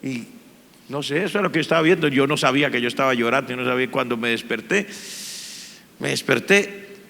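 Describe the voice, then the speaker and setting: A man's voice: medium pitch, a little fast, creaky, pushed and bright, in a large hall. A man, a pastor telling his personal testimony in church with an earnest, emotional manner. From Colombia.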